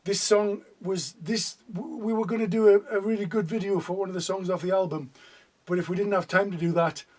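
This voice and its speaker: A man's voice: high-pitched, fairly even intonation, a little fast. A man doing comic patter between songs, with rambling, self-deprecating asides. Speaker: comedy singer-songwriter. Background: acoustic guitar.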